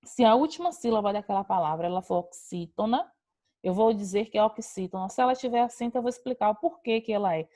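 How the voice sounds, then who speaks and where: A woman's voice: medium pitch, expressive, fast, mellow, no room sound. Woman teacher on a video call, patient step-by-step explainer, dry close sound. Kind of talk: online class lecture.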